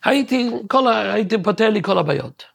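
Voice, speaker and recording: A man, guest composer, telling a story in a halting way, often searching for words and restarting. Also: high voice, animated, vocal fry, slightly rough, no room sound. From Williamsburg, New York. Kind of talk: casual storytelling interview.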